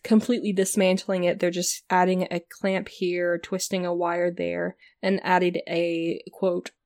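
A woman's voice: fairly low pitch, little pitch movement, measured pace, a little mellow. A woman co-hosting a casual discussion, chatty and giggly, often breaking off mid-thought and laughing. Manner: chatty, giggly, self-interrupting. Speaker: podcast co-host. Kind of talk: casual discussion and reading aloud.

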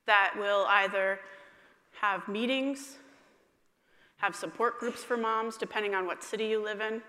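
A woman physician giving a talk to fellow doctors, clear and friendly with light humor. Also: mid-range voice, bright, forceful tone. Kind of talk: conference talk. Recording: long hall reverb.

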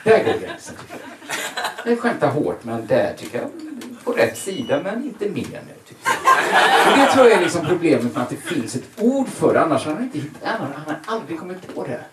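A man's voice: on the high side, very animated. A man doing a stand-up routine, ranting with exaggerated indignation. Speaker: stand-up comedian. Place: bar stage. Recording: echoey, distant live recording with loud noise.

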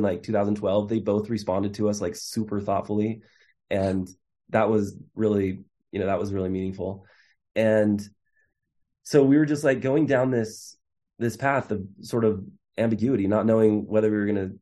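Man, 30s, interview guest, low mellow voice, casual and full of restarts. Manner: casual, many fillers and restarts. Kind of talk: conversational storytelling.

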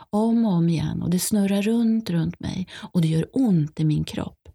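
A woman's voice: medium pitch, gravelly, mellow, slightly rough, full character voice. Woman reading as a shaken girl survivor. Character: young Swedish girl recounting surviving a tsunami. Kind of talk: first-person testimony reading.

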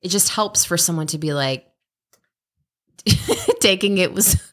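A woman co-hosting a podcast in casual chat, animated, self-deprecating and quick to laugh. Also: fairly low pitch. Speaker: podcast co-host.

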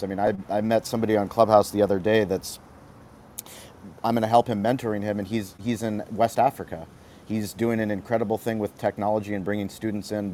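Emphatic, energetic man with a mellow voice. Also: lowish voice, a little hiss or hum. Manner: energetic, emphatic, repetitive phrasing. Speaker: restaurant marketing guest speaker. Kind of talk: motivational panel talk.

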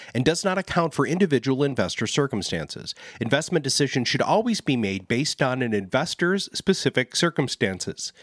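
A man reading a long, scripted legal disclaimer in a steady, formal way. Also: mid-range voice, no echo, clean studio sound. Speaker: disclaimer announcer.

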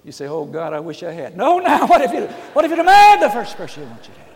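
A man, preaching a folksy storytelling sermon that swings from hushed asides to loud shouts. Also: high-pitched, wildly swooping pitch, fast talker. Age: 70s. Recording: reverberant hall.

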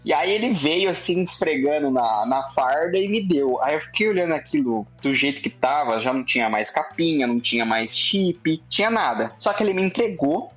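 A young man tells a story in a relaxed, slangy way. His voice sits a little high, and he drops into other people's voices as he tells it. Faint music plays in the background. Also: moderate pace, hardly any pauses. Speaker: storyteller guest. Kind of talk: casual storytelling.

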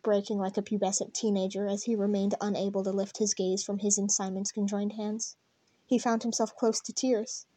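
A woman reads a story aloud in a soft, mellow voice with little rise or fall. Her narration is even and unhurried. The recording is dry and close, with no room sound. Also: medium pitch, no echo. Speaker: reader. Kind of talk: fan fiction read-aloud.

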